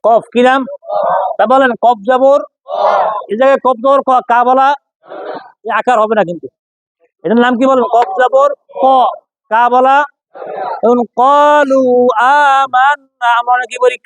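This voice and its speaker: Man, Quran reading teacher, classroom drill, repetitive call-and-response, very high-pitched voice. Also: fairly even intonation, fairly bright tone, no room sound. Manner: repetitive, calls out questions, drawn-out chanting of letter names.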